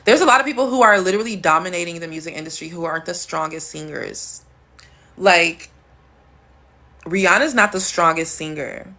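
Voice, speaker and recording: A woman with a deep, smooth, sultry voice hosts a casual livestream, answering comments in a brisk, bright, forceful tone. She is playful and chatty, breaking into bursts of high laughter.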